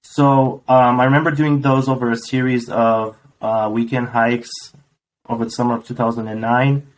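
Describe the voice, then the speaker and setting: A man in his forties from Romania, a podcast guest answering thoughtfully, with many pauses and ums. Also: medium pitch, flat delivery, slight background noise, rough recording. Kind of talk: casual interview.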